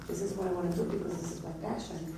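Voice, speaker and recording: A woman's voice: lowish voice, fairly even intonation, rapid-fire. A woman in her forties, a native Russian speaker born in Azerbaijan who grew up in Israel and America, chatting casually as an interview guest. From born in Azerbaijan, grew up in Israel and the United States. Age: 40s. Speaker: guest, restaurant owner. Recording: distant mic in echoey room, faint noise.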